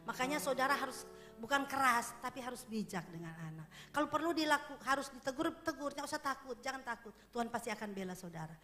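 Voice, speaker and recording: A woman pastor giving a sermon in church, chatty and joking at first, then growing loud and emphatic as she exhorts the congregation. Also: sits high, animated, fast, faint music behind. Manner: conversational preaching, rising to emphatic exhortation, laughs with congregation.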